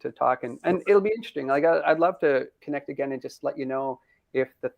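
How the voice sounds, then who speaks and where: A brewery founder chatting casually in an interview, upbeat and rambling, laughing often, over a video call. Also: male voice, medium pitch, fast talker, vocal fry, no room sound. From Canada. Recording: dull lo-fi video call audio.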